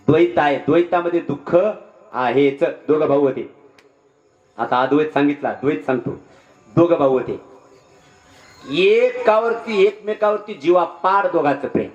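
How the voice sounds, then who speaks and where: A man's voice: fairly high pitch, dull audio. A man preaching a devotional sermon, telling a story with animation and acting out its characters' voices. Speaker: kirtan preacher. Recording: echoey venue.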